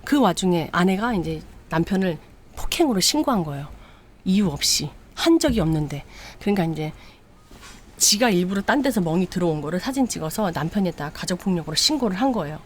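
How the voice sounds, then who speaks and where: A woman's voice: on the low side, expressive, a little fast, slight background noise. A woman hosting a late-night radio live, retelling a story in a chatty, dramatic way. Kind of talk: casual storytelling.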